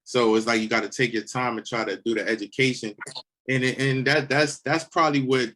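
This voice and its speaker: A man's voice: medium pitch, fairly quick. Laid-back man hosting a casual chat. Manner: relaxed, repeats and restarts words, conversational. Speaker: host.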